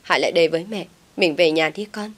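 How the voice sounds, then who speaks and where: A protective village mother cries out and presses for an answer, with a woman reading her. The voice leans low. It is part of a single-narrator audiobook drama. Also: quick pace, lightly acted. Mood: wailing. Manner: wailing, demanding. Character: wailing middle-aged mother, protective, pushy.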